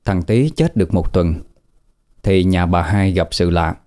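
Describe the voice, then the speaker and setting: A man narrating a ghost story in a steady storytelling manner. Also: low voice, measured pace, faint music behind.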